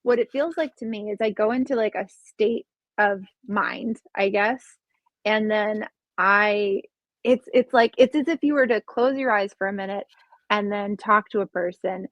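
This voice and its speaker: A woman's voice: medium pitch, fairly even intonation, moderate pace, no echo, lo-fi sound. A young woman, a guest on a podcast, talking casually about her psychic readings, musing aloud and hunting for words. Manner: musing, searching for words, many restarts.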